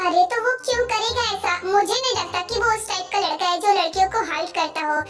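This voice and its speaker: A woman's voice: very high-pitched, fast talker, a bit bright, faint music behind. A woman doing a lovestruck, pleading young woman.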